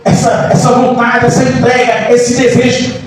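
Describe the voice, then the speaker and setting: A man, a pastor, preaching a sermon with passion, moving between soft lines and shouts. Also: extremely high pitch, monotone, moderate pace, music in the background. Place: church hall. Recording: echoey church hall, mic far off, faint noise.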